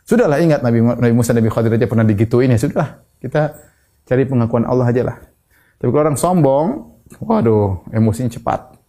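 A man giving an Islamic sermon in speech, teaching in a lively way, acting out quoted people and reciting Quran verses. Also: medium pitch, quick pace. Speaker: Islamic preacher.

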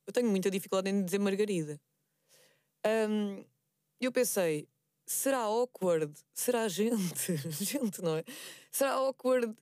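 A woman's voice: mid-range voice, measured pace, long pauses, dark tone, no echo, studio quality. A woman podcast host with a European Portuguese accent, chatting in a rambling, self-deprecating way. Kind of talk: casual chat.

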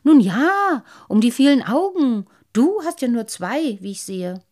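Woman as a wheedling storybook fish with too many eyes, high and pushy. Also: big pitch swings, a little slow, darkish tone. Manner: wheedling, mocking. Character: sly, gloating many-eyed fish, pushy and spiteful.

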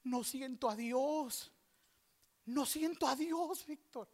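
Man doing a distraught young woman evangelist, high, loud and pleading. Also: slow, heavily acted. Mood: anguished. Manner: cries out, pleading and emotional.

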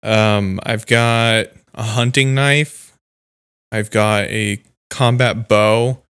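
A man co-hosting a podcast, teasing the others with quick interjections in casual chat. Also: fairly low pitch, fairly even intonation, fairly bright tone, clear, resonant tone. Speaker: podcast co-host.

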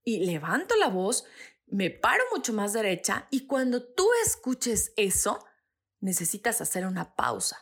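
A woman in her thirties hosting a podcast, explaining ideas in an earnest, teaching monologue that climbs in pitch to stress a point. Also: sing-song, unhurried, gravelly, slightly rough. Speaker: podcast host.

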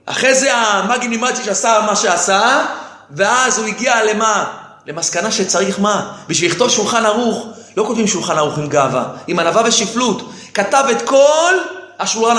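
High-voiced preacher in an echoey room. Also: male voice, lively intonation, bright, forceful tone. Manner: asks rhetorical questions and answers them himself; repeats key phrases for emphasis. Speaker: rabbi. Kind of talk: sermon with storytelling.

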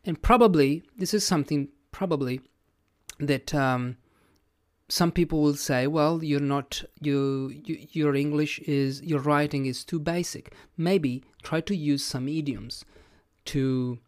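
An English teacher who grew up speaking Italian talks a little slowly at medium pitch, with an Italian accent. The podcast lesson is plain and reflective, delivered as if thinking out loud, and the studio sound is clean, with no room echo.

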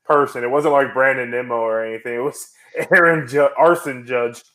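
A young man co-hosting a casual sports podcast, excitable and quick to laugh, sometimes bursting into shouts. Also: medium pitch. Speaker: podcast co-host.

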